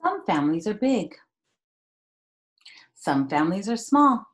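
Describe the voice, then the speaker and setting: With big swings in pitch and a slightly slow delivery, this mid-range female voice belongs to a woman in her thirties teaching young children. She reads them a picture book at home in a small room and talks it over in easy phrases.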